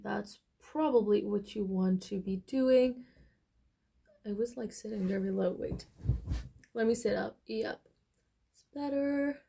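Her voice medium-pitched, creaky and mellow, a young adult beauty vlogger talks casually through a makeup tutorial. She rambles and fills in with many fillers. Dutch is her first language, and she's indoors in a small bedroom.

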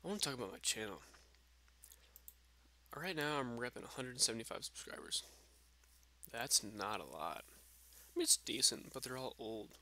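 A man's voice: medium pitch, sharp tone. A drunk young man rambling casually and swearing through a gaming vlog, recorded on a substitute microphone. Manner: profane, aimless rambling. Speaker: gaming vlogger. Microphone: makeshift substitute microphone, screen-capture voice-over.

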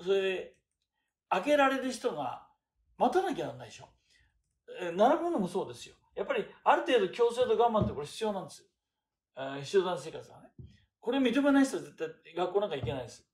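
An older man giving a chatty lecture on classical texts, asking rhetorical questions and pausing with fillers. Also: high-pitched, very animated. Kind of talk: casual lecture. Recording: roomy echo.

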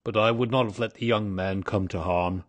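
A man's voice: fairly low pitch, fairly even intonation, normal speed, no room sound, natural voice. A man voicing a weary, grave old man confessing his past in an audiobook story. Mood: pleading, sorrowful. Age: older. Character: weary, dying old man, confessed former highway robber.

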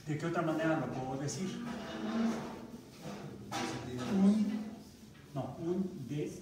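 A man with a Mexican Spanish accent lectures to a class, his voice a bit high for a man. He is picked up from far off by a camera, so the room's heavy echo and a steady background noise come through. He often asks the class questions and breaks off words mid-way. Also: measured pace. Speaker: university math teacher. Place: university classroom. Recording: very echoey classroom recorded from far off, noisy.

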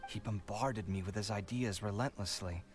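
A man voicing a proud, expressive young male character in a video game, talking emphatically. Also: lowish voice, moderate pace, natural voice. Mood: troubled. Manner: emphatic, dramatic, lively.

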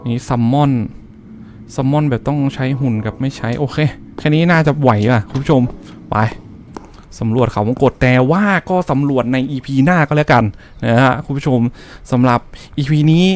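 A young man talks his viewers through a horror game in loose, chatty commentary. He laughs easily, swears now and then, and reads game text aloud in a voice of middle pitch. A faint hiss sits under the recording. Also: moderate pace, a little mellow. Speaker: gaming channel host. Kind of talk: let's-play commentary.

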